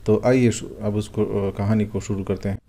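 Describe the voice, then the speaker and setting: A man with a fairly low, mellow voice walks through vocabulary like a patient teacher. He hesitates often with drawn-out fillers before each explanation. He keeps asking a question aloud and then answering it himself. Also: steady tone. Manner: patient, asks and answers his own questions. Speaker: Arabic teacher. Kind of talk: vocabulary lesson, explaining words one by one.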